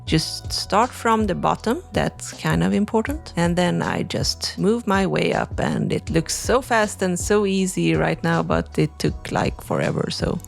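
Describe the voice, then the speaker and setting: Here a crafting-channel host, a young woman from Sweden, explains her project in a laid-back, chatty way, leaning often on "like" and "you know." Her voice is fairly low and gravelly, her pace easy, with quiet music behind her.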